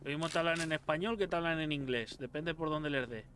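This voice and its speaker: A man from Spain talking through a zombie game, excitable and cursing freely as he jokes about what he finds. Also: fairly high pitch, quick pace, slight background noise. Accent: Spain Spanish. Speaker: gameplay commentator. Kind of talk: casual let's-play commentary.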